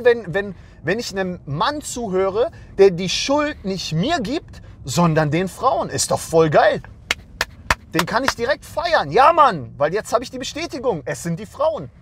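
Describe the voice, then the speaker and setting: A man's voice: high voice, slight background noise. A man in his twenties, a dating coach ranting bluntly to camera and scolding his viewers.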